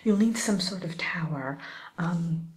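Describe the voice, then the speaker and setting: A woman voicing a sly, sweetly courteous wicked witch tutor in a hushed, musing ASMR roleplay. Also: lowish voice, expressive. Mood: haughty, helpful. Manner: hushed, unhurried, hesitant musing, faux-genteel.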